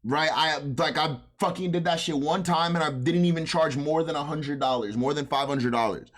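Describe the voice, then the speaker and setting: A man's voice: on the high side, normal speed, a bit bright. Blunt, profane man teaching trading. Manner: frequent tag questions "right?" and "you understand?". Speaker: trading instructor. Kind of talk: casual screen-share trading lesson.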